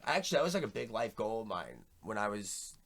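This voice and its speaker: A young man with a New York accent hosting a podcast, talking fast and full of slang in a casual chat. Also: fairly low pitch, wildly swooping pitch, vocal fry, fairly bright tone, husky. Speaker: podcast host.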